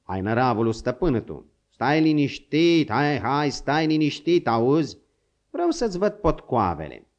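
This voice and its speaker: A man voicing a gruff, crafty old male frontier hunter who grumbles and scolds, in a dull lo-fi audiobook recording. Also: medium pitch, sing-song, voice pushed up.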